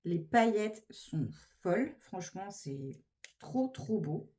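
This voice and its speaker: A woman's voice: mid-range voice, sing-song, slow, warm tone. A woman chatting casually through a makeup tutorial, gushing with enthusiasm over each product. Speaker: beauty vlogger.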